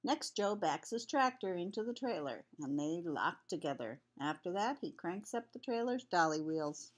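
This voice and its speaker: A woman's voice: lowish voice, expressive, moderate pace. An older woman, a sweet grandmother with a cold, reading a children's picture book aloud in a homely, chatty way. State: has a cold with cough.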